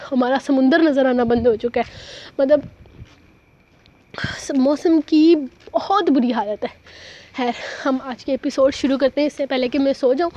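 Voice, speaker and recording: A woman's voice: high-pitched, dark tone. A young woman with a cough hosting and reading a novel aloud in a chatty, rambling, informal way, in a slightly muffled recording with a faint hum. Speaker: novel reader and YouTube host. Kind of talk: chatty vlog intro and story reading.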